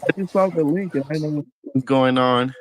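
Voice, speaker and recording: A man's voice: fairly high pitch, fairly quick, rough recording. A man joining a livestream as a guest, talking over his phone in a friendly, slightly shy casual chat. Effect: heard through his phone.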